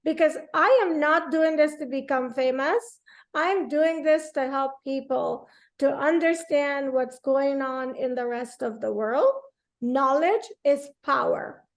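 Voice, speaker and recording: Woman host, high voice, earnest, long flowing sentences. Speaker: podcast host. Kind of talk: interview.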